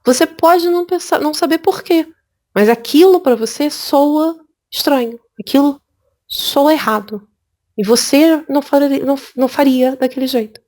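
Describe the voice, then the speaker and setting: Brazilian woman teaching english prep, high-ish voice, keeps repeating stuff to hammer it in. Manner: lively, repeats words for emphasis. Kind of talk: spoken lesson.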